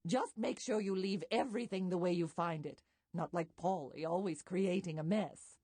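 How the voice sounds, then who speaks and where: A woman voicing an instructive guide character in an educational game, explaining things in a measured, scripted way. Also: on the low side, mellow, no echo, natural voice.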